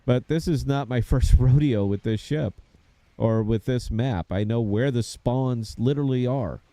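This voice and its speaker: A man's voice: medium pitch, measured pace, mellow, dry recording. A man, chatting casually to viewers while he plays a game. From United States. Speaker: game streamer. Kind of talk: casual gameplay commentary.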